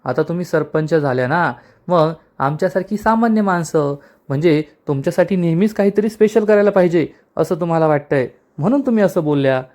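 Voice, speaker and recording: A playful young husband in a TV serial recap, chatty and reassuring, lightly raised in pitch. A man reads his lines. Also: animated, brisk, a little mellow, lightly acted. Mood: bantering. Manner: bantering, chatty.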